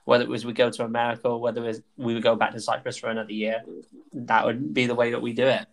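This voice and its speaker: A man's voice: mid-range voice, flat delivery, very fast, vocal fry, poor audio. A man speaking in casual, bantering conversation. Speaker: podcast speaker.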